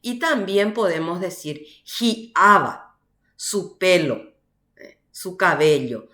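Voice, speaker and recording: A woman teacher from Paraguay giving a university language class, explaining slowly and often checking with "¿verdad?". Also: fairly low pitch, animated, bright, forceful tone, reverberant. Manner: slow, explanatory, frequent "¿verdad?" tags. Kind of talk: online class lecture.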